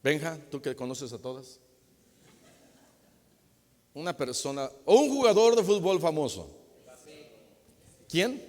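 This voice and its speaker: A man preaching a sermon as pastor, lively and acting out small dialogues. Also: a little high, slow, long pauses. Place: church hall. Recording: long hall reverb.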